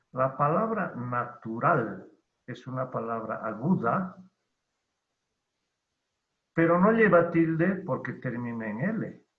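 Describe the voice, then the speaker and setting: A man teaching an online class, explaining spelling rules slowly and deliberately with pauses. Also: medium pitch, vocal fry, roomy sound. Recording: tinny phone-like online call audio.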